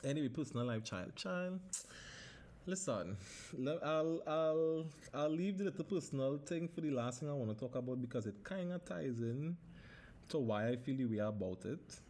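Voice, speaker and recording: His voice is medium in pitch, expressive and warm, moving at a moderate pace. He's a Trinidad-born man in his thirties hosting a casual podcast alone, cursing liberally and shifting into Caribbean dialect.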